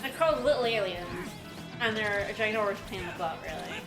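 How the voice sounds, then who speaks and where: Casual gamer woman: giggly, exclamatory, very lively pitch, echoey room. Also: brisk, over music. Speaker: video game let's play commentator. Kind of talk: casual joking game commentary.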